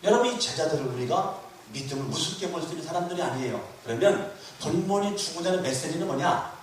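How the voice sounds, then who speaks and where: A man's voice: fairly high pitch, animated, fast, slight background noise. Preaching man in an echoey hall. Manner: call-and-response preaching, rhetorical questions, emphatic repetition. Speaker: pastor. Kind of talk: sermon. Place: church hall. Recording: echoey hall recorded from a distance.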